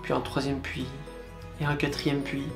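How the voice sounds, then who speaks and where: Casual man over clear music. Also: mid-range voice, monotone, normal speed. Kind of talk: casual recounting of an outing.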